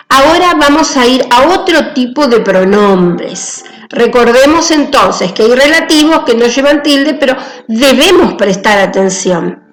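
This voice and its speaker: Slow, patient woman teacher. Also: fairly high pitch, reverberant, rough recording. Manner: patient, repeats key points with "¿sí?". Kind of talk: grammar lesson.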